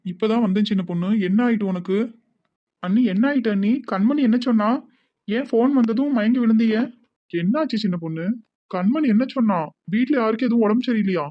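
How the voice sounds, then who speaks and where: A voice actor with a Tirunelveli Tamil accent playing a caring, excitable young village husband in a cartoon, talking in urgent, raised bursts. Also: mid-range voice, fast talker, dry recording, dull audio, lightly acted. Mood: pleading. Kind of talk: animated cartoon voice acting.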